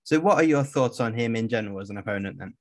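A man hosting a podcast, asking a fighter interview questions in a calm, measured way. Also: mid-range voice.

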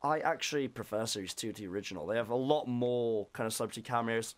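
A man's voice: mid-range voice, fast talker. A man with a Hull, East Yorkshire accent co-hosting a radio show, chatting casually and reading entertainment news in a slightly hesitant, conversational way. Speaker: radio co-host.

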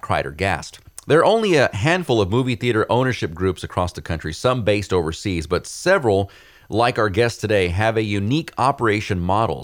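A man hosting a business interview show, reading a prepared introduction in a measured way. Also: on the low side. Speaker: podcast host.

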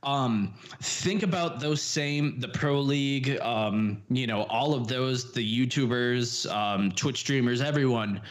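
A man's voice: mid-range voice, slow, few pauses. A man co-hosting a casual gaming podcast, often restarting sentences and agreeing emphatically.

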